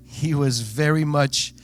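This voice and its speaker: Belgian-accented man preaching a sermon. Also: on the high side. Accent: Belgian Dutch. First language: Dutch. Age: 30s. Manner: earnest preaching, warm asides to the congregation. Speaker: guest pastor. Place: church sanctuary.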